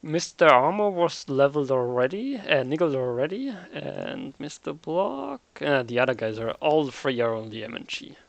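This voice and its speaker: A man's voice: medium pitch, very animated, moderate pace, vocal fry, hardly any pauses, no echo, highs cut off. A man hosting a casual game recap, chatty and joking as he thinks aloud. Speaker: recap host.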